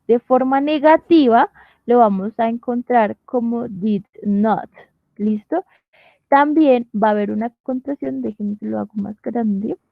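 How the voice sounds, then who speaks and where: A woman's voice: a little high, dry recording, highs cut off. A woman teacher, patiently explaining step by step in an online class and often checking that students follow. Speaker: English teacher. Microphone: computer mic on video call.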